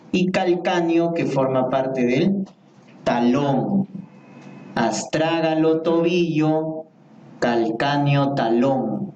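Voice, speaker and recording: A man's voice: fairly high pitch, darkish tone, slight background noise. A man teaching an anatomy class, repeating each term and asking the students questions. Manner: slow, repeats key terms, asks the class questions. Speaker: anatomy lecturer. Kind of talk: medical anatomy lecture. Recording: echoey room, voice from far off.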